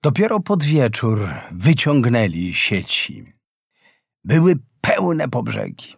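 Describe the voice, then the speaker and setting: A man tells a fairy tale slowly and with feeling, his voice moving up and down a lot across each sentence. He keeps an unhurried pace throughout. The recording is dry and close, with no room sound. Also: mid-range voice, gravelly, breathy edge, no echo. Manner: slow, expressive storytelling. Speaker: storyteller. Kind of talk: scripted fairy-tale narration.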